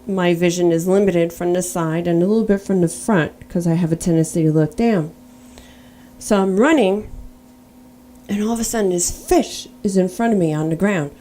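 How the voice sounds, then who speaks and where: A woman's voice: medium pitch, a little mellow, a little hiss or hum. A middle-aged woman giving a personal faith testimony, earnest and storytelling, now and then spelling words out letter by letter.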